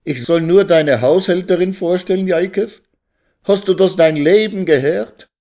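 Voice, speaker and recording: Tearful young wife, high and wailing, as a man reads her. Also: a little slow, warm tone. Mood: distraught. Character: weeping young woman, distraught wife.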